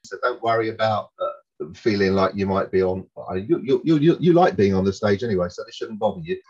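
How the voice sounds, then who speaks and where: Older male host, low husky voice, casual chatty talk, swears freely. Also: a little fast. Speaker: podcast host. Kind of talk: casual video-call interview. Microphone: condenser mic over a video call. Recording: dull lo-fi video call audio.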